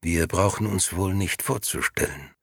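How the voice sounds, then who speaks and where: A man reading an audiobook, voicing a menacing unseen male voice that speaks as "we", slow, taunting and condescending. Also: deep voice, fairly bright tone, no room sound, studio quality.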